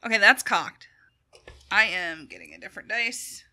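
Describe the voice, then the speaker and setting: A woman chatting expressively as a player at the game table. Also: mid-range voice. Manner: lively, expressive, quick to laugh. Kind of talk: casual chat at the game table.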